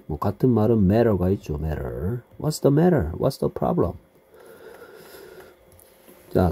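A man's voice: fairly low pitch, mellow, breathy edge. A man teaching English vocabulary to middle school students, patiently explaining and repeating each word with its meaning. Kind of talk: vocabulary lesson.

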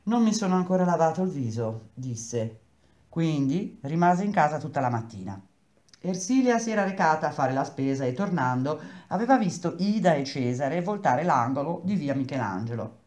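A woman reading a novel aloud, acting out the dialogue with lively shifts in pitch. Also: moderate pace. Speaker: reader. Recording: echoey room.

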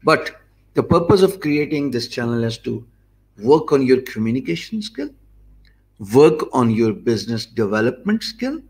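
Streaming live to viewers from an office, this Urdu-speaking online instructor in his forties teaches in Pakistani-accented English, slow and relaxed, musing aloud as he goes. The mid-range voice is sing-song, slightly mellow and husky, and the recording sounds rough. He speaks into a desk microphone placed before him.

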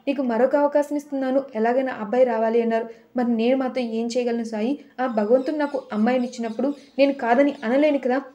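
A woman's voice: a little high, warm tone, lightly acted. A woman voicing a desperate young mother who pleads tearfully for help in a storybook retelling.

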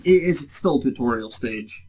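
A man's voice: medium pitch, animated, moderate pace, a little mellow, slight background noise. A young man giving casual gameplay commentary as co-host, explaining tips with hesitant restarts. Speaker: let's play co-host.

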